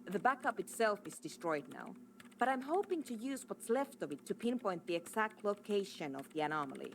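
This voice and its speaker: An actress playing a proud, exasperated programmer in a video game, curt, insistent and defensive. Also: female voice, mid-range voice, very animated, a little fast, slight background noise. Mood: guarded, brusque. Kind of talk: scripted video game dialogue.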